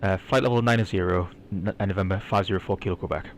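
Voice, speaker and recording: A man flying as a pilot, talking into a cockpit headset and reading clearances back to air traffic control with hesitant fillers. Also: deep voice, fairly even intonation, fast. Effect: pilot speaking into a cockpit headset. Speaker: pilot flying a simulated charter flight. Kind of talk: cockpit talk and radio readbacks while flying.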